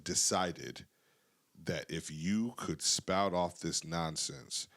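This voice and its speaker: A man's voice: low voice, slow, gravelly, a bit bright. A man hosting a casual podcast conversation, talking in an earnest, emphatic way. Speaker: podcast host.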